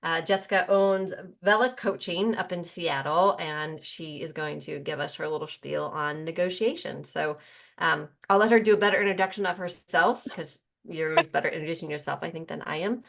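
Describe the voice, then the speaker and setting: A woman hosting a casual group video call, chatty and quick to introduce and connect people. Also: sits low, gravelly, fairly bright tone. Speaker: host.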